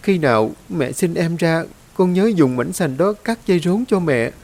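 A man's voice: a little high, animated, moderate pace, a little mellow, voice pushed up. A man voicing a young mother in labour, speaking in a faint, strained voice in a ghost story reading.

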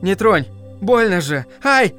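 A man doing a shrill, distraught woman. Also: unhurried, faint music behind, natural voice. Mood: shrill, angry. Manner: shrill, sobbing outbursts. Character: distraught grown woman, tearful and lashing out.

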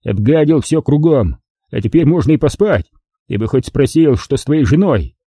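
A man voicing a gruff, grumbling older colonel who talks bluntly. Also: mid-range voice, sing-song, moderate pace, mellow, no room sound, clean studio sound.

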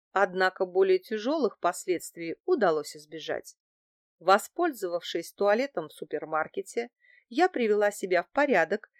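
A woman narrating a first-person audiobook in an even, measured way. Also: mid-range voice, dry recording, clean studio sound.

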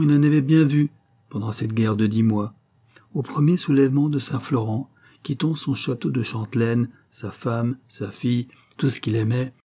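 A man narrating a historical novel in a measured, expressive reading. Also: mid-range voice, slightly rough. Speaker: audiobook narrator. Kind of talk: scripted narration.

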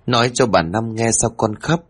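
Gentle old neighbor grandma, as a man reads her. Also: on the low side, normal speed, slightly rough. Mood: soothing. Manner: soothing, pleading. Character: kind older neighbor woman, gentle grandmother.

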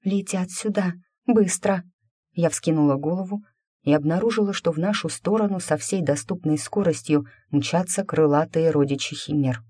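This is a steady audiobook reading of a fantasy novel, with the characters' lines only lightly voiced. The tone is dark and mellow. It sits close on a dry mic with no room around it. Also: medium pitch, normal speed, husky, dry recording. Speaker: audiobook reader. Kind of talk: scripted fantasy narration.

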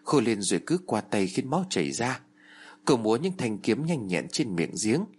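Husky man telling a horror tale. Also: very animated, normal speed. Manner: acts out the characters' shouts and pleas with raised pitch. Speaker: storyteller. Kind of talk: dramatic horror story narration.

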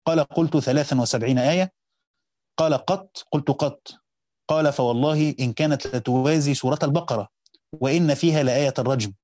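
This teacher has an Egyptian accent and reads a classical commentary aloud, then explains it. His voice is warm and medium-pitched, and there's no echo. He reads at speed but slows down whenever he explains grammar.

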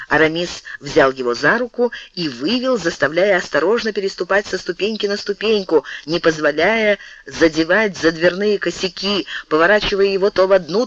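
Expressive male audiobook narrator, lively. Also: high voice, highs cut off. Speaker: audiobook reader.

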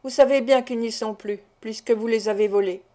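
A desperate young sailor speaks with raw intensity, as a woman reads him aloud. The voice is fairly high and warm. It is a plain audiobook rendering. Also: steady tone, a little fast, close to an everyday voice. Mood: accusing. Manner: pleading, then threatening with force. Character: desperate young sailor pleading for his dying father. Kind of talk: audiobook reading.

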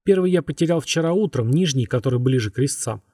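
Man reading a scared young guy forcing it out, halting, dark voice. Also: mid-range voice, animated, breathy edge, no room sound, studio quality, recorded from a distance. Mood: uneasy.

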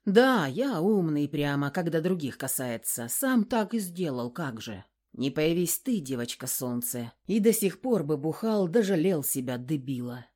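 A woman reads a first-person novel with a sardonic, coarse edge. Her voice sits slightly low but swings widely, animated and expressive. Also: unhurried, hardly any pauses. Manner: lively, coarse, sardonic storytelling. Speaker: audiobook reader.

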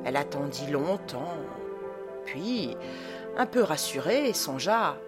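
A woman reading a short story aloud in a measured, dramatic manner. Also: low voice, very animated, loud music behind the voice. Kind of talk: scripted narration of a short story.

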